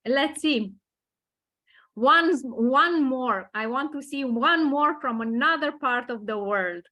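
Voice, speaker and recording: A Romanian woman hosting an online presentation over a video call, welcoming people slowly and repeating her words. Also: high voice, expressive, pushed and bright. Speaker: webinar host.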